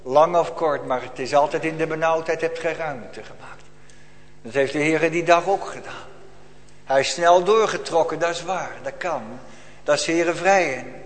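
A man's voice: a little high, moderate pace. A man preaching a solemn, urgent sermon full of rhetorical questions to his congregation. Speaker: pastor. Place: church. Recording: long reverb of a church hall.

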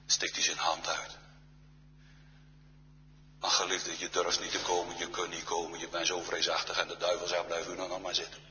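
Man, preacher, very low voice, sharp forceful tone, solemn sermon, hushed at times, long church reverb, dull muffled recording. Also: monotone, fast, hardly any pauses, slight background noise. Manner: solemn, often drops to a near-whisper.

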